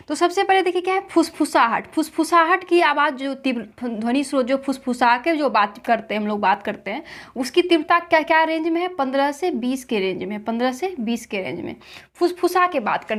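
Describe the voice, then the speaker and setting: A woman teaching a lesson with memory tricks, asking questions and answering them herself, repeating key points. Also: high voice.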